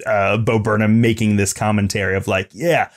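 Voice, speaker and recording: A man co-hosting a casual podcast, thinking aloud haltingly with many fillers and restarts. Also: fairly low pitch, flat delivery. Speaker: podcast co-host. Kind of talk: casual chat reviewing a show.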